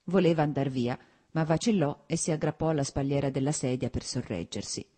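A woman narrating a classic novel as an audiobook, in an expressive, measured reading. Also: low voice.

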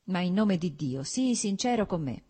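A woman's voice: lowish voice, animated, normal speed, dark tone, breathy edge, pitched above the performer's own voice. A woman voicing an earnest, agitated young nobleman in love, in a pleading, urgent voice.

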